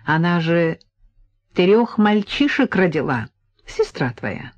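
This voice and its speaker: A woman reading an audiobook, voicing a gentle, good-humored young man with soft warmth. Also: on the low side, big pitch swings, slow, highs cut off.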